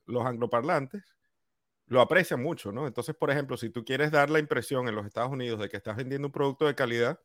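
A man with a Venezuelan accent in a casual podcast chat, measured and explanatory. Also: mid-range voice, fairly bright tone, dry recording, studio quality.

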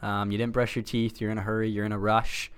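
A man's voice: lowish voice, flat delivery, fast, smooth. A man co-hosting a casual podcast, chatty and teasing, often repeating his partner's words. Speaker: podcast co-host. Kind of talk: casual chat.

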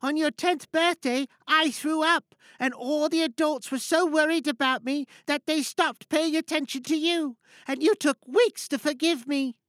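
A high, childlike little girl piglet from a cartoon, acted out by a man. The delivery is simple and earnest, like a small child telling something, and the recording is close and dry. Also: fairly even intonation, a little slow, few pauses, fairly bright tone, no room sound. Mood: wistful, confiding. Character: Peppa Pig, young girl cartoon piglet. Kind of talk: dramatic monologue reading in character.

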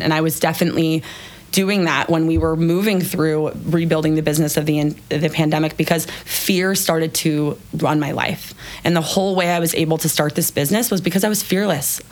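A woman founder, a podcast guest, telling her personal story candidly and with emotion, swearing casually now and then. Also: low-pitched.

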